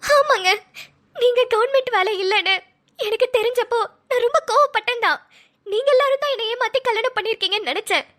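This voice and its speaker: A woman's voice: extremely high pitch, lively intonation, fast, fairly bright tone. A woman voicing a tearful, apologetic young wife in a cartoon, speaking colloquial Tamil Nadu Tamil. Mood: pleading. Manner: pleading, apologetic.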